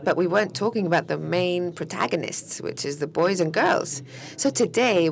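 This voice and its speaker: A gravelly, somewhat low female voice renders a panel discussion as live interpretation. Her pace holds steady despite slight halts and restarts as she keeps up with each participant.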